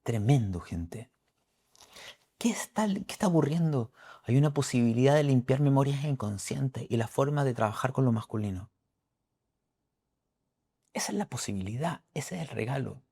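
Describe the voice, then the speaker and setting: A man's voice: medium pitch, normal speed, gravelly, warm tone, slightly rough. A middle-aged man giving an astrology forecast talk, emphatic and preacherly, repeating key phrases.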